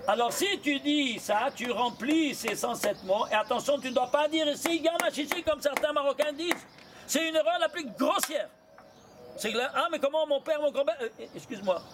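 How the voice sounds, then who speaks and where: High-voiced man teaching a Torah class. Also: noisy background. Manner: quizzes students with rapid rhetorical questions; mixes Hebrew terms into his talk. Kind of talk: lively Torah lesson.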